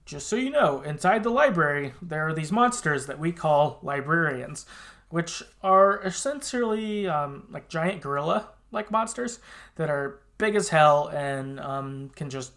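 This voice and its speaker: Expressive and slightly slow, this man's voice sits a little high with a fairly bright tone. Hosting a podcast, he retells a game's story in a laid-back, sometimes sweary way with rambling colloquial asides.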